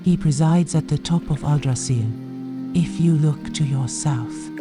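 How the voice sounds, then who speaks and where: A man playing a wise, kindly night elf druid mentor with formal, measured speech in a fantasy game. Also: fairly high pitch, lightly acted. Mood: grave, kindly. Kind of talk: scripted fantasy game dialogue. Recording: music behind the voice.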